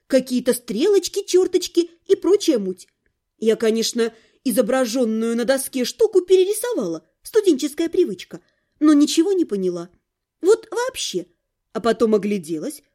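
A woman's voice: sits high, dark tone. A woman reading a first-person audiobook in an ironic, colloquial storytelling manner. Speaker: audiobook narrator.

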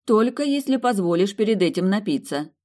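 A woman's voice: mid-range voice, expressive, fairly quick, dark tone, voice pushed up, natural voice. A narrator voicing a young woman doctor, flustered and eager to please, pleading and apologetic in an audiobook. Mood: relieved, playful.

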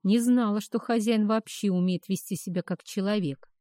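A woman's voice: mid-range voice, normal speed, warm tone, dry recording, studio quality, lightly acted. A woman voicing a curious young female captive who drawls in surprise. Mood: surprised.

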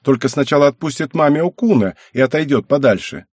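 A man voicing a calm, polite schoolgirl in an audiobook. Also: fairly high pitch, brisk, dry recording, clean studio sound, pitched above the performer's own voice. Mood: cool.

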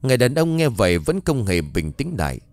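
A male narrator reads a dark horror story in an expressive, dramatic manner. His pitch moves about in a lively way, and faint music plays underneath. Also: fairly quick, no echo. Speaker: audiobook narrator.

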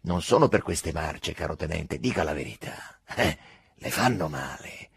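A gloating army captain bellows and mocks his companion, as a male reader puts him on. His voice is deeply husky, and it swoops high and low with triumph. The room around it is dry and close, like a storybook reading. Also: lively intonation, normal speed, dry recording, heavily acted. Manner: loud, mocking, triumphant. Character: boastful gloating middle-aged army captain.

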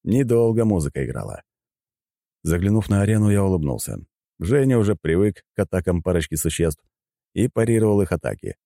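Deep-voiced male audiobook narrator. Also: fairly quick, vocal fry, no echo, clean studio sound. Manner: animated first-person storytelling.

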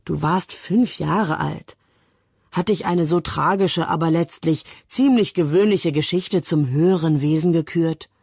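Woman reading a sharp, skeptical young sister. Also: sits low, measured pace, breathy edge, no echo, studio quality, heavily acted.

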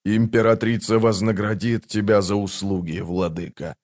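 A man putting on a deep, soft-spoken giant demon. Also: little pitch movement, close to an everyday voice. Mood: growling. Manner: slow, reasoning delivery. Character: huge hooded male demon, calm and menacing. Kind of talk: audiobook character voice.

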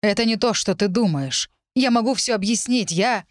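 A woman reading an audiobook, voicing a flustered young nobleman who pleads hoarsely. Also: mid-range voice, lively intonation, very slow, dry recording, clean studio sound. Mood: desperate.

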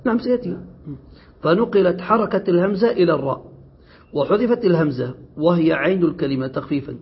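A man leads a grammar lesson in a classroom, reading a passage and then working through it with his students. His voice sits high and sounds husky. The recording is dull and lo-fi. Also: lively intonation. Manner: reads a passage, then explains it slowly with questions to students. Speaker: Arabic grammar teacher. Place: classroom or study circle.

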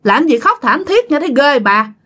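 Woman voicing an older village husband, pleading, coaxing, raised pitch. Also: very animated, moderate pace, fairly bright tone.

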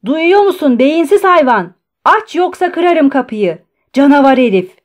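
A woman voicing a shouting, furious inmate. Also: high-pitched, measured pace. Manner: shouting, indignant. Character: furious male asylum inmate, defiant and shouting.

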